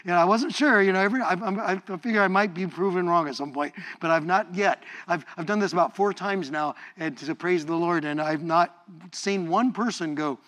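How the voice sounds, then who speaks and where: A middle-aged male pastor preaches a sermon in a high, brisk voice. He is playful and lively, often repeating words and leading the congregation in call-and-response praise.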